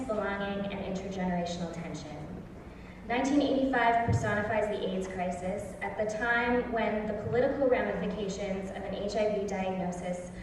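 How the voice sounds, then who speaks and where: A woman's voice: mid-range voice, darkish tone, a little hiss or hum. A woman hosting a festival opening, giving a prepared, earnest and impassioned speech from a theatre stage. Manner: earnest and impassioned, with stresses on key words. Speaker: festival host. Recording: echoey hall recorded from far off.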